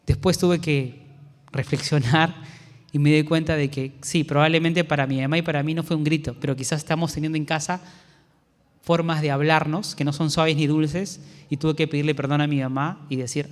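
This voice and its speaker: High-voiced Peruvian pastor preaching. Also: male voice, fairly even intonation, moderate pace. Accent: Peruvian Spanish. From Peru. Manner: earnest, preacherly, drops into soft storytelling. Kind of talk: sermon. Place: church sanctuary. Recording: long church hall reverb.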